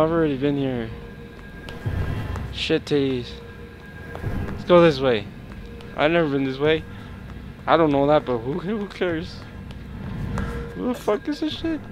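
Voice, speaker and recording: Young man, horror game commentary, high lively voice, panicky swearing, game music behind. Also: a little slow, pauses often. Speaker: gameplay streamer.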